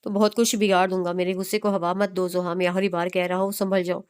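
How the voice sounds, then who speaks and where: A woman's voice: on the low side, level tone, fast, darkish tone, clean tone, close to an everyday voice. A woman voicing a proud, possessive young man who commands and warns the heroine. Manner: stern, commanding.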